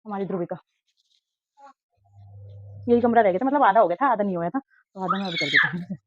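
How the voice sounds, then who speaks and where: A woman's voice: medium pitch, lively intonation, fairly quick, a little hiss or hum. A woman, a mother, chatting casually at home while doing chores, talking to herself and her kids. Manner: chatty, talks to herself and scolds kids between tasks. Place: home indoors. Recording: dry, dull lo-fi sound.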